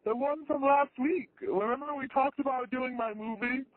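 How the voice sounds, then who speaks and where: A woman using a voice changer to pose as a male caller named Frank, pressing a deadpan prank over the phone. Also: high-pitched, moderate pace, no room sound. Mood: insistent. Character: fake caller posing as a man named Frank. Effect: voice changer morphing her voice. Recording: tinny phone line with faint hiss.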